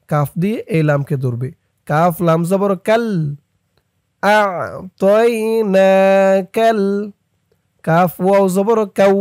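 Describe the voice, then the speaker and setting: A man teaching Quran recitation letter by letter, chanting the verses in long drawn-out tones and explaining pronunciation between them. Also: high-pitched, darkish tone, dry recording. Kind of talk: slow tajweed lesson with spelled-out letters and recitation.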